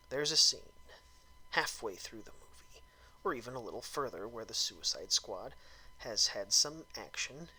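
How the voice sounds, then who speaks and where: A man with a bright, forceful mid-range voice, a little rough, performs a comic, theatrical reading of a written film review. He piles on exaggerated emphasis and lets some phrases sink into breathiness. The audio quality is poor.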